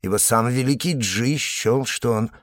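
Guy reading an audiobook, mid-pitched, really dry close sound. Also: a little slow, no room sound. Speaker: audiobook narrator. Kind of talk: scripted narration.

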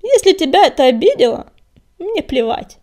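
A woman's voice: a little high, lively intonation, normal speed. A woman doing a menacing warrior tomcat. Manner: hissing, threatening, loud. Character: menacing huge male warrior cat, arrogant, vengeful.

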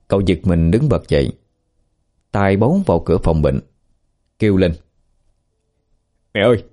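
A man narrating a horror story in a slow, grave storytelling manner. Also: sits low, warm tone. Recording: faint background music.

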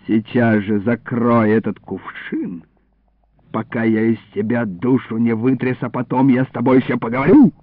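A man voicing a gruff old orchard keeper who barks threats at thieves, on a tinny radio recording. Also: medium pitch, lively intonation, moderate pace, no echo, natural voice. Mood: scolding. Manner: barking threats.

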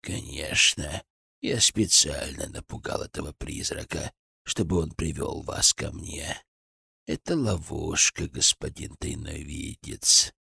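A man voicing a menacing old male ghost sorcerer in an audiobook, speaking slowly in a hollow, cracked, triumphant voice. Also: vocal fry, sharp tone, husky, no room sound, heavily acted. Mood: sinister. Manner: slow, low, triumphant menace. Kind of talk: audiobook character voice.

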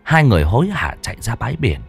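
A man narrating a ghost story in a dramatic, expressive storytelling manner. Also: mid-range voice, fast, vocal fry, slightly rough, faint music behind.

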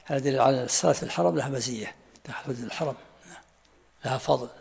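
A man, a sheikh teaching a text who breaks in with quick colloquial explanations and questions; gravelly, husky voice. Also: mid-range voice, a little mellow. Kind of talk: explaining and commenting during a text reading. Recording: long hall reverb.

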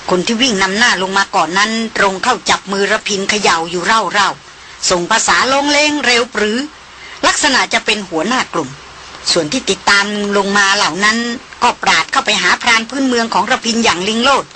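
A woman narrating an adventure novel as an audiobook, reading in a measured, descriptive way. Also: mid-range voice, bright, forceful tone, a little hiss or hum.

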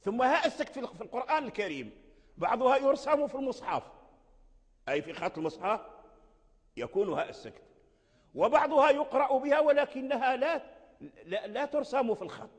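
A man giving a spoken lesson on the rules of Quran recitation. He halts and repeats words as he explains, and slows down to spell out examples. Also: very high-pitched, lively intonation, breathy edge. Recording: long reverb of a hall.

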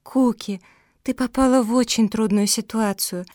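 A woman voicing a patient, wise older female dog in a storybook reading, calm and gently explaining. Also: a little high, moderate pace, dry recording, clean studio sound, close to an everyday voice.

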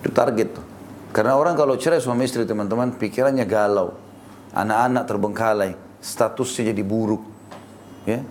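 A man's voice: on the low side, fairly quick, a little mellow, a little hiss or hum. A man giving an Islamic lecture on family life, emphatic, repeating key phrases and asking the audience rhetorical questions. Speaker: Islamic preacher.

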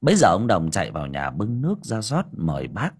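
A man narrates a ghost story in a low, husky voice. His storytelling is dramatic, with pitch that rises and falls widely. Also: wildly swooping pitch, brisk. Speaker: audio story narrator, livestream host.

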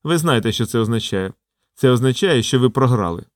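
A man's voice: medium pitch, expressive, brisk, no room sound, clean studio sound, close to an everyday voice. A man voicing a blunt, clipped old man. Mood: triumphant.

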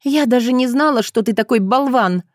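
A woman's voice: fairly high pitch, moderate pace, dry recording, studio quality, pitched above the performer's own voice, lightly acted. Woman reading a stern scornful young heroine. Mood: scolding. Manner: stern, scolding.

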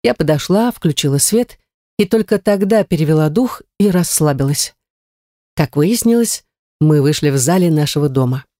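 A woman narrating a first-person fantasy audiobook in a lively, wry manner. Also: low-pitched, moderate pace, no room sound, studio quality. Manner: lively wry storytelling with exclamations.

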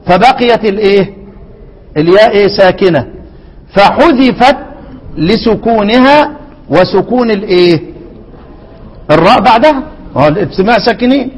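A man with an Egyptian accent teaching a lesson on Quran readings, quizzing his students with rhetorical questions and slowly repeating words. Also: high voice, in a large hall, poor audio. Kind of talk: lesson explaining a classical poem on Quran readings.

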